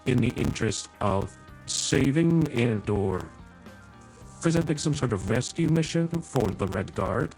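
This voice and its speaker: A man's voice: mid-range voice, lively intonation, unhurried, vocal fry, darkish tone, faint music behind, low-quality recording. A man voicing a prim, overly polite male AI companion in a tabletop game, his voice run through a morphing voice changer, talking formally with a few slips. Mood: prim, courteous. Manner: formal, courteous, stiff phrasing with slips.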